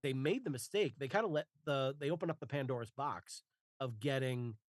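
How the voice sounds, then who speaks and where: A man in his forties in a casual podcast conversation, talking in halting phrases and restarting them with many fillers. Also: mid-range voice, no echo. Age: 40s. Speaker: guest author and narrator.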